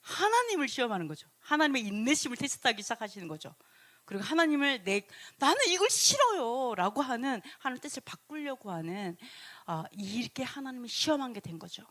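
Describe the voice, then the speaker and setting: Woman preacher, higher voice, very lively pitch, playful acted-out asides. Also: fairly quick. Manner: acts out complaining voices with big pitch jumps and laughs. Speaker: Bible teacher. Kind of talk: sermon.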